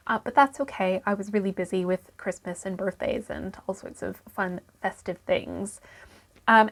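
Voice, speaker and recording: Still croaky from being ill, this woman with a mid-range voice gives a laid-back book review chat for her vlog. Her talk is loose and conversational, dotted with ums and sentences she starts over mid-thought.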